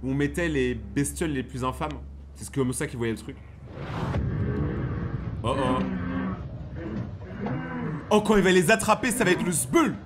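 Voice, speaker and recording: A man's voice: a little high, lively intonation, normal speed, pauses often, noisy background. A young man giving casual, slangy, joking running commentary as he reacts to horror footage. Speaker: reaction video host.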